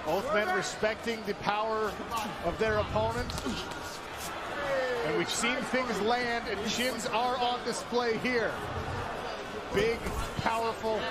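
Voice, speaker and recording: A man doing live play-by-play commentary on an MMA fight in punchy, emphatic short calls. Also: extremely high pitch. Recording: loud arena crowd behind the voice. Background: crowd noise.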